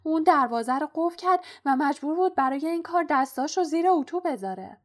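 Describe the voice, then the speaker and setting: A woman voicing a small pitiful male house-elf who talks in a high, fretful, pleading way. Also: animated. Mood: anxious.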